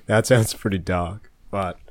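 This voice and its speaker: Low nasal-voiced man with a cold. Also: fairly even intonation, measured pace, slight background noise. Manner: rambling, many fillers and restarts. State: congested with a cold. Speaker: podcast host. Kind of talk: casual chat.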